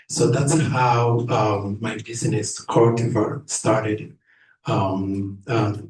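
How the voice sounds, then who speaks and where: A man from Rwanda speaks slowly and haltingly, filling pauses with fillers and restarting sentences as he presents. His voice sits a little low. The sound is roomy and echoey, picked up from some distance off the mic. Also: a little mellow. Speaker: guest speaker at a club meeting.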